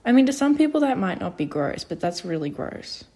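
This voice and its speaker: A woman's voice: medium pitch, sing-song, a little fast, dark tone. A woman in her twenties hosting a solo podcast, nervous and hesitant, with many fillers and restarts. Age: 20s. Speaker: podcast host. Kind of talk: casual solo podcast talk.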